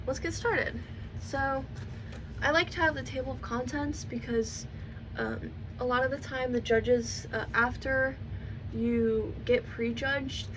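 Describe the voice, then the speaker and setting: A woman's voice: on the high side, distant mic. A woman cosplayer talking casually through a how-to vlog, chatty and rambling, full of likes and ums. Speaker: cosplayer showing a build book. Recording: voice a bit off-mic with faint background noise.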